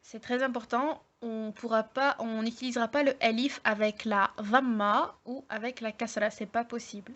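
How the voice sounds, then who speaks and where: A woman teaching an online language lesson, explaining slowly step by step with many hesitations and fillers. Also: a little high, steady tone, fairly bright tone. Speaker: Arabic teacher.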